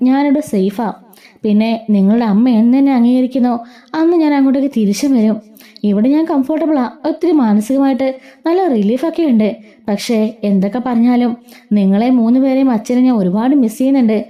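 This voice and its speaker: A woman's voice: on the high side, dark tone. A woman casually retelling a TV serial episode, reading out the characters' lines in her own voice. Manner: retells dialogue in quotes without changing voice.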